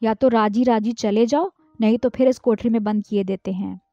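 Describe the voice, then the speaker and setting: A stern middle-aged father issues curt, commanding orders to his son in a storybook reading, read aloud by a woman. The voice sits high yet mellow. It comes through a dull, lo-fi recording with no room sound. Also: steady tone, moderate pace, dry recording, close to an everyday voice. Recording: dull, dry, lo-fi.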